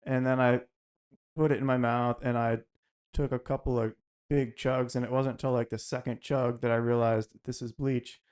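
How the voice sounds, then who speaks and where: A man in a relaxed podcast conversation, mid-pitched and easygoing. He laughs easily and tells rambling personal stories. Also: moderate pace, smooth. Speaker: podcast host. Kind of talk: casual chat.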